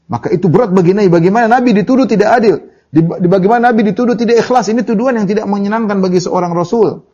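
A male religious teacher delivers a Quran commentary lecture, reciting Arabic verses before explaining them. He speaks emphatically and turns animated when voicing quoted people. His voice sits a little high, and the recording sounds dull and lo-fi. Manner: emphatic, animated quoting of others in a lively voice.

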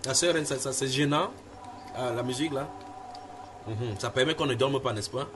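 Against a noisy background, a man of medium pitch preaches at normal speed, teaching and reading from the Bible. His delivery is emphatic, with repeated phrases and questions aimed at his listeners.

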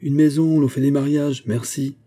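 A man reading aloud, voicing a drunk, boastful young male salesman who taunts loudly. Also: fairly high pitch, flat delivery, moderate pace, voice pushed up, natural voice. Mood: taunting. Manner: loud, taunting.

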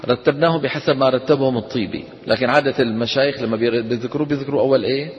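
A man teaching a tajweed class, questioning his students and chanting verse lines slowly. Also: medium pitch, steady tone. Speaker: Quran recitation teacher. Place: lecture hall with students. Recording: dull lo-fi lecture recording in a reverberant hall with faint noise.

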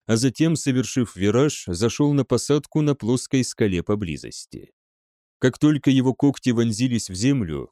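Man, audiobook narrator, lively pitch, mellow voice, dry close recording. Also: no echo. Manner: lively, acting out dialogue.

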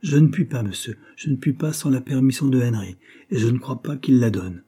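A man reading an audiobook, voicing a calm, loyal young man who lectures his friend. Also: medium pitch, fairly quick, breathy edge, voice pushed up. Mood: earnest. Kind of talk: audiobook character voice.

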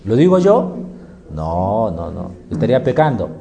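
A man's voice: fairly low pitch, sing-song, unhurried, creaky, dark tone. A man preaching a sermon, emphatic, firing rhetorical questions and answering them himself.

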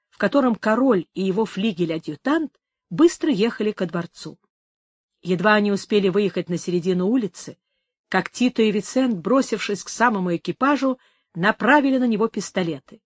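A woman reading a story aloud as narrator, measured and steady. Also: mid-range voice, no room sound, clean studio sound. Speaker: audiobook narrator. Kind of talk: scripted narration.

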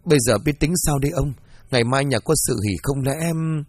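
A man's voice: medium pitch, brisk, a little mellow, slight background noise, lightly acted. A man doing a stammering, terrified rich wife. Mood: anxious. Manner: stammering, panicky.

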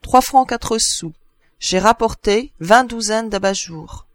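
A man reading an audiobook, voicing a ten-year-old girl with a shrill, piping voice. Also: slow pace, no room sound, studio quality. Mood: excited.

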